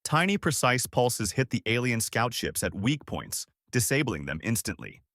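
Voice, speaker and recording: A man narrating a science-fiction story in a lively, dramatic way. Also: mid-range voice, normal speed, dry recording, studio quality. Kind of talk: scripted sci-fi story narration.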